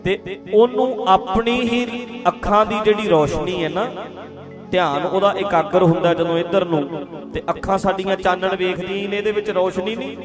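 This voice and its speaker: A woman's voice: medium pitch, steady tone, moderate pace. A woman giving a spiritual teaching talk. She explains patiently, repeats her phrases and addresses her listeners directly. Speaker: spiritual speaker. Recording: music playing behind the voice. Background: music.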